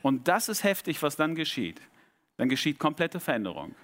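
A man delivers a sermon at a moderate pace, very animated yet reflective and intimate. He often sinks into a soft, low voice and puts direct questions to the congregation.

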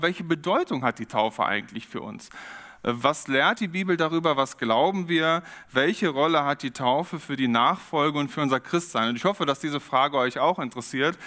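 A man preaching a sermon, reflective and steady, often posing questions to his congregation. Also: fairly high pitch. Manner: reflective, poses rhetorical questions.

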